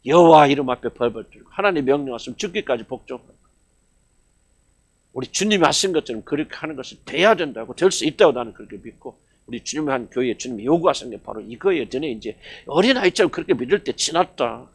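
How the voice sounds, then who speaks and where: A man, senior pastor of his church, preaching an emphatic sermon with rhetorical questions. He swings between loud exclamations and hushed asides. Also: medium pitch, expressive, fast talker. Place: church service.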